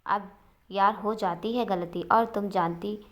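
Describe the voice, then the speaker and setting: A woman's voice: medium pitch, fairly even intonation, slow, natural voice. A woman voicing an angry, jealous young husband in a storybook reading, curt and brooding. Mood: sulky.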